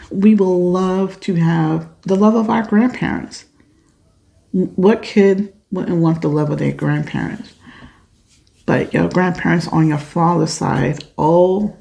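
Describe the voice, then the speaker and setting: Slow, gravelly-voiced woman podcast host. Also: on the low side, warm tone. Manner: emphatic, outspoken, swears when upset. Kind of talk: reading a listener letter and reacting.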